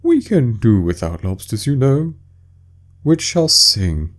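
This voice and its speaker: A mournful, tearful Mock Turtle with a raised, wavering voice, as a male reader puts him on. He drags his words out slowly and sadly. He sounds like a gloomy sea creature from a storybook. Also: sing-song. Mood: wistful. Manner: mournful, tearful, slow and high. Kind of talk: storybook reading.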